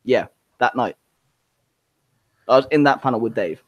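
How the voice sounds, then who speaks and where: A man co-hosting a podcast in relaxed casual chat, agreeing and plugging the show. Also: medium pitch, normal speed, no echo, highs cut off. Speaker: podcast co-host.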